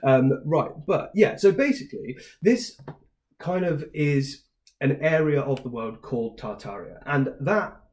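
A man co-hosts a loose podcast chat, talking at a middle pitch. He rambles his way through explanations and laughs easily. His voice bounces around a roomy, echoey space. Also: expressive, a little slow, darkish tone. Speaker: podcast co-host. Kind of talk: casual chat.

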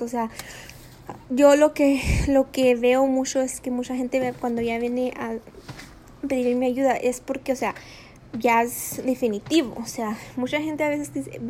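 A middle-aged woman with a high, girlish voice hosts her podcast in a casual, rambling motivational monologue, full of fillers and slipping into English now and then. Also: warm tone, slight background noise. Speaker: podcast host.

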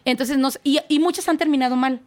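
A woman's voice: high-pitched, steady tone, fast talker. A Mexican woman, a singer and podcast guest, telling stories casually and acting out voices and sound effects.

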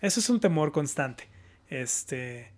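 Man, fairly high voice, measured and careful in chat. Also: animated, darkish tone. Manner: careful, measured, with some hesitations. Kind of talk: casual chat.

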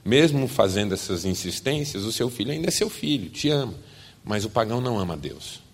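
A man's voice: fairly low pitch, big pitch swings, fairly quick, big-room sound. A man preaching a sermon, building points with rhetorical questions and dry, joking asides. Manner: rhetorical questions, rising emphatic delivery, wry asides.

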